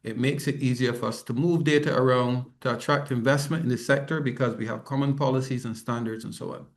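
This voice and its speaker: A man speaks to a conference from his office over a video call. His pitch sits in the middle for a man. He presents in a loose, conversational way, pausing on ums and correcting himself as he goes. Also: steady tone. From Barbados. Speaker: head of a regional organization giving a talk. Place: office, not the venue. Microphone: remote video call.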